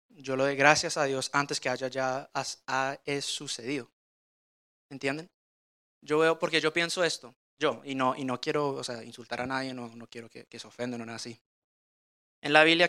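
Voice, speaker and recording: Male guest preacher, bright tense voice, halting, repeats and restarts phrases as he speaks. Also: medium pitch, clear, resonant tone. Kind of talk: personal testimony sermon.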